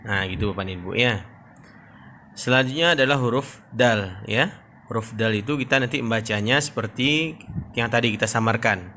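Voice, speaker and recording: A man teaching Quran reading, patiently explaining and drawing out example words very slowly. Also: medium pitch, bright, forceful tone, a little hiss or hum. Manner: patient, repeats "Bapak dan Ibu, ya" often.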